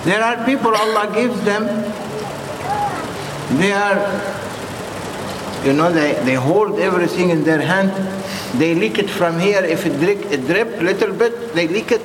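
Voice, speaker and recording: A man who is a non-native English speaker preaching informally in short, halting, repeated phrases and putting questions to his listeners. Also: sits high. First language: not English. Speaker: Sufi preacher addressing followers. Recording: echoey reverberant hall with clear background noise.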